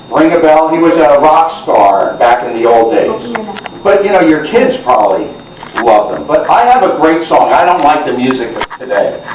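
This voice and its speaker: A man's voice: fairly high pitch, a little hiss or hum. A middle-aged man performing chatty stand-up comedy for a crowd, talking to the audience and cracking jokes. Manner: chatty, jokey, addresses the crowd. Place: senior center hall. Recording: echoey hall, distant and dull.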